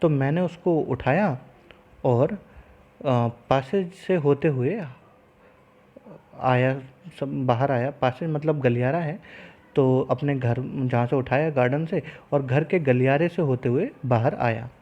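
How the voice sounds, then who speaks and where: A male teacher explaining a text line by line. He reads each English line very slowly, then talks it through quickly and eagerly in Hindi. The recording is dull and lo-fi. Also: medium pitch, a little mellow.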